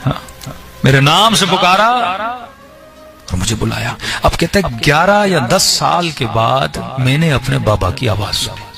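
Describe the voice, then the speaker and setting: A man telling a religious story with rising emotion, voicing the people in it as he goes. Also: medium pitch.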